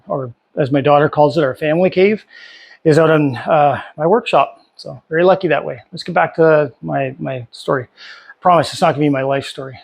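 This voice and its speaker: A man's voice: on the high side, creaky. A man in his fifties talking casually and candidly to camera as a vlogger, with many fillers and restarts. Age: 50s. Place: home workshop.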